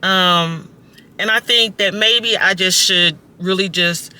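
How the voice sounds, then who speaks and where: Brief: woman, 50s, casual vlogger, bright edgy voice, talks straight to camera on a phone outdoors. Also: medium pitch, takes it slowly, clear, resonant tone. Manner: chatty, talks straight to viewers, many fillers. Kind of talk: casual self-filmed vlog chat. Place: outdoors at a park and in a parked car.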